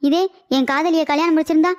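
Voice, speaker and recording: A woman's voice: sits high, steady tone, fast talker, faint music behind, lightly acted. A woman voicing a foolish, henpecked older husband in a cartoon comedy, whiny and lovesick. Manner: whiny, pleading, dreamy.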